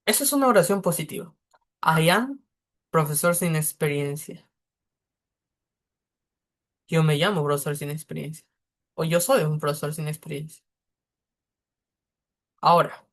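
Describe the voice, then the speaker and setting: A man's voice: on the high side, a little slow, pauses often, fairly bright tone. A man teaching a beginner English lesson, explaining step by step with patience.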